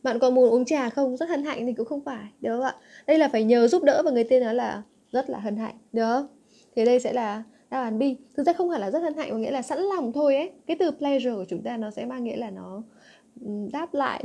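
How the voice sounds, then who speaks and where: A young woman teacher explains exam answers, stopping often to check that her students follow. Her voice sits somewhat high but has a warm, mellow tone. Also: fast, husky. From Vietnam. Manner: coaxing, asks frequent check questions to students. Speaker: English teacher.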